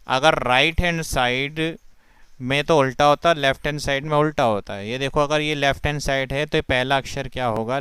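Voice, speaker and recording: A man's voice: medium pitch, bright, forceful tone, clear, resonant tone, no room sound. A man with a Hindi accent teaching English spelling, patiently sounding out words letter by letter. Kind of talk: spelling lesson explained step by step.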